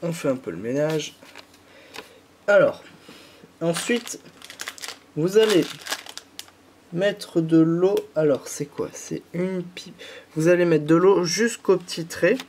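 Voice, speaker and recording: With a fairly high, slightly mellow voice, a young Frenchman with a small head cold speaks slowly and pauses often, with slight background noise. He's a YouTuber guiding viewers patiently through a candy kit tutorial, peppered with fillers.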